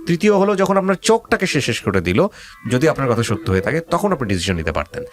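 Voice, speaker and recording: Over soft background music, a male radio host with a Bangladeshi accent advises a guest on a life-story show. His medium-pitched voice is sing-song and fast, and he questions the guest insistently while mixing in English phrases.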